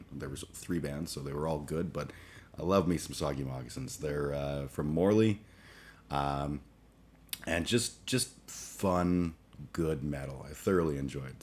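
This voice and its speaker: A man's voice: extremely low pitch, a little mellow. A man in his forties hosting a casual livestream chat, groggy after a late night and rambling with fillers, restarts and cursing. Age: 40s. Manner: halting, many fillers and restarts, profane. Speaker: livestream host.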